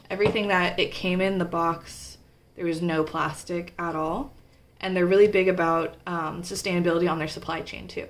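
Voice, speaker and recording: A young woman from Canada chatting casually through a stationery haul, with frequent filler words. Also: lowish voice. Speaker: stationery vlogger. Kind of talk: casual show-and-tell.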